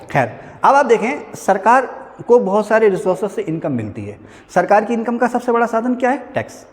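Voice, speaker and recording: A man's voice: high-pitched, a little mellow, long reverb tail. A man teaching a class in a chatty lecture style, calling his students "beta" and checking in with "hai na" asides. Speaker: civil services teacher.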